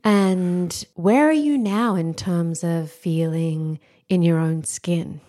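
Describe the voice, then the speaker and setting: A woman's voice: on the low side, slow, dark tone. A woman hosting a podcast, asking thoughtful questions in an interview conversation. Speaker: podcast host.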